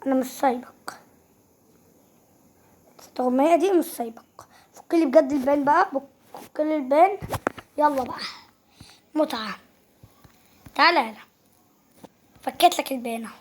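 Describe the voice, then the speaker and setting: High-voiced Egyptian woman gamer. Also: normal speed, pauses often. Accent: Egyptian Arabic. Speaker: gaming YouTuber. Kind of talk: excited gameplay commentary.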